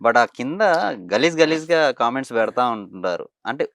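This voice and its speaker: A man's voice: medium pitch, lively intonation, moderate pace, a bit bright, no echo. A man interviewing a guest, asking pointed questions and prompting him with short hums. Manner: probing, prompting, frequent agreeing hums. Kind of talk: casual interview.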